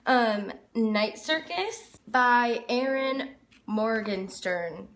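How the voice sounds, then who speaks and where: A woman's voice: on the high side, expressive, drawn-out words, fairly bright tone, slight background noise. Casual chatty woman in an echoey room. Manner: informal, rambling, hedging. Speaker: book reviewer, video host. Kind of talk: casual chat to camera.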